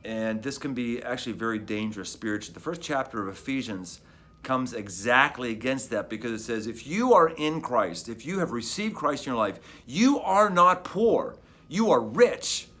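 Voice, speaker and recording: Conversational middle-aged pastor, emphatic. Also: male voice, medium pitch, expressive, brisk, a bit bright. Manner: conversational, emphatic repetition of phrases. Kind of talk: evening devotional talk. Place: his office.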